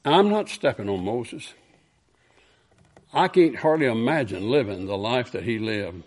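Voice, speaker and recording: Man, preacher, impassioned sermon, hushed to booming. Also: expressive, measured pace. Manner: swings from hushed storytelling to loud impassioned peaks.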